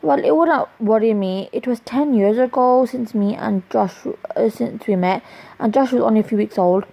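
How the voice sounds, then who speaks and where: A woman reads her own romance story aloud, plainly and haltingly, with small restarts along the way. Her voice is on the high side, mellow, and touched with vocal fry, captured in a dull lo-fi recording.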